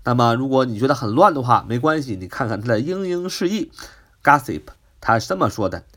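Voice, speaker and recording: A man's voice: expressive, fairly quick, fairly bright tone. A man teaching English vocabulary, spelling words out letter by letter and explaining them in Mandarin. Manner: rises in pitch on questions. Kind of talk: vocabulary lesson.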